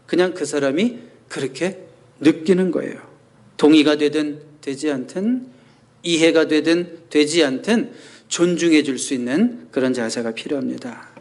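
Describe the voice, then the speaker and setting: Male pastor, sermon delivery, fairly high voice, animated, acts out quotes and asks the congregation questions. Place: church sanctuary.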